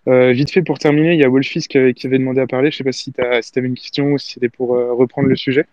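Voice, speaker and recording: A man's voice: medium pitch, level tone, racing, darkish tone, dry recording. A man hosting a casual live audio chat with callers, speaking informally and hesitantly with repeated words. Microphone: online audio call. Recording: band-limited, dull online audio chat.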